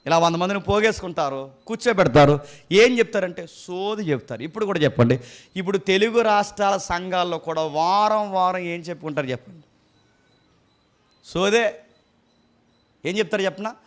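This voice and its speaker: A man from a Telugu-speaking region of India delivers a sermon in a strikingly high voice. He scolds his listeners and fires mocking rhetorical questions at them as he preaches. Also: lively intonation, quick pace.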